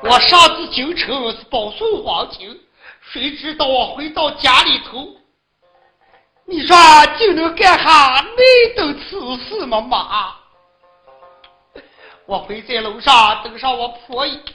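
A woman's voice: high-pitched, expressive, slow pace, pushed and bright, echoey room, soft background music, exaggerated voice. A woman voicing a hot-tempered young man who sobs and protests he is wronged, in Shaanbei storytelling. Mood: aggrieved. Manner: wailing, sobbing protests. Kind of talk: Shaanbei storytelling role-play.

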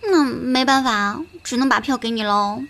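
Woman voicing a teasing bossy girl, high voice, audio drama. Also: moderate pace, gravelly, a bit bright, slight background noise. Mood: wistful. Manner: teasing, calls herself "this lady boss". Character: cheeky bossy young woman, 小夏. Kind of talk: amateur audio drama acting.

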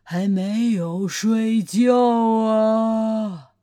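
A woman's voice: a little high, fairly even intonation, dark tone, voice pushed down. Vladimir, a woman doing a hissing tentacle monster. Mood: sly. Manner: hissing, slow.

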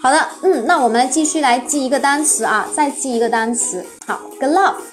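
A woman's voice: high voice, fairly quick, faint music behind. A woman teaching English vocabulary on a live stream, spelling words letter by letter, asking her students questions and praising them often.

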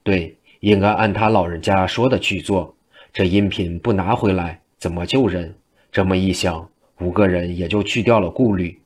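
Male storyteller, very low voice, brisk rhythmic narration. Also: steady tone, breathy edge. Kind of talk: traditional Chinese storytelling.

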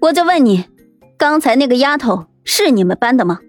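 A man's voice: very high-pitched, big pitch swings, a little fast, soft background music, pitched above the performer's own voice. A man voicing a fierce teenage girl gang leader, threatening and sneering, in an audiobook. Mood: menacing. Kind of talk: audiobook character voice.

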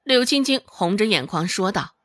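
A woman narrating a serialized novel in an expressive storytelling manner. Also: mid-range voice, normal speed, no echo, clean studio sound. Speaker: audiobook narrator.

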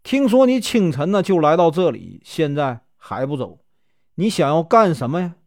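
A man's voice: a little high, big pitch swings, normal speed, dry recording, studio quality. A man voicing a deaf, talkative old aunt who fusses over her guest and scolds her giggling girl. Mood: fussy, chatty. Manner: talkative, fussy, scolds loudly.

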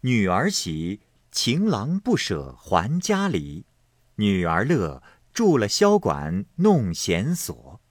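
A man voicing a teasing young singing girl who chants and sings slowly, in a story reading. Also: fairly low pitch, wildly swooping pitch, dry recording, clean studio sound, heavily acted. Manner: slow sing-song chanting.

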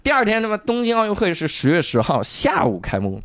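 A man casually retelling a drama's plot on a chat show, acting out the characters' lines and bursting into loud swearing at the emotional moments. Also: sits high, fast, no echo, clean studio sound. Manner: animated storytelling, acts out lines with loud swearing outbursts. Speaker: podcast co-host.

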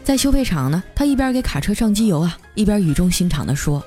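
A woman tells a comic story in a chatty, lively way, drawing out her particles. Her voice sits at a medium pitch. Soft music plays under her. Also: fast talker. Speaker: radio story host.

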